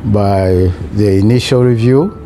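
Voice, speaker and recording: A middle-aged man from Kenya with a Kenyan accent, giving a personal account in a halting, hesitant way with long pauses. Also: on the low side, warm tone, slight background noise. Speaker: patient giving a testimonial. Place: small hospital room, in bed. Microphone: lapel mic. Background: music.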